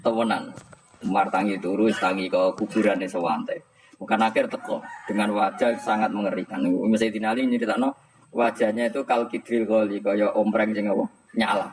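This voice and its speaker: A low-voiced man with a Javanese accent preaches in a relaxed, storytelling way, often putting questions to his listeners. The recording carries faint ambient noise with a rooster somewhere behind. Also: a little fast, poor audio. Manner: storytelling, mixes Javanese and Indonesian, asks the audience questions. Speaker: Islamic preacher. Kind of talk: informal religious lecture.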